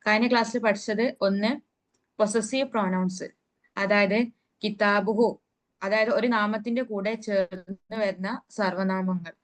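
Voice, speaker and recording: A woman teaches an online grammar class over a call mic. She poses questions to her students and answers them herself, spelling out each vocabulary word slowly. Her voice sits at a middle pitch. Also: fairly even intonation. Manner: recites Arabic words slowly. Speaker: Arabic teacher.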